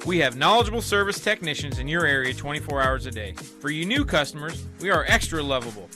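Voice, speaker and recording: Bright, high-voiced man pitching like a shopping host. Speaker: advertising voice. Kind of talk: upbeat scripted commercial read. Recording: music bed behind voice.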